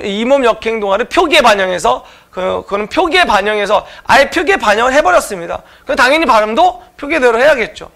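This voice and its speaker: A man's voice: high-pitched, creaky, pushed and bright. A man teaching an online exam-prep lecture, explaining answers to viewers with frequent filler sounds.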